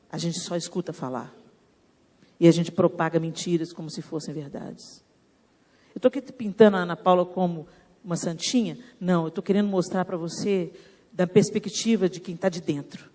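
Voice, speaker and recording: A woman's voice: fairly low pitch, fairly even intonation, moderate pace, warm tone. A Brazilian woman pastor preaching a sermon in a church, asking rhetorical questions and rising into emphatic preaching.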